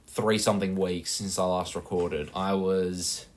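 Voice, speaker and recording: Talking over his gameplay in a loose, rambling way, this young Australian gaming channel host leans on fillers and pokes fun at himself. He has a low voice, a steady tone, and a measured pace.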